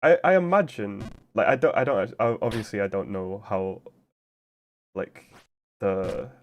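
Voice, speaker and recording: A man's voice: fairly low pitch, unhurried, highs cut off. A man streaming a game, chatting casually and explaining at length in a rambling way, full of "like" and restarts. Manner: rambling, explanatory, heavy use of "like". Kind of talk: casual chat while playing a game.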